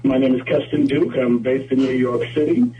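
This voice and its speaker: A man from Trinidad and Tobago speaks as a guest on a radio talk show, explaining his work in a measured, steady way. His voice sits at a middle pitch. It sounds distant and dull, with a faint hum behind it. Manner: measured, explanatory, with frequent "mm-hmm" and "whatnot". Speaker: guest photographer. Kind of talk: radio interview.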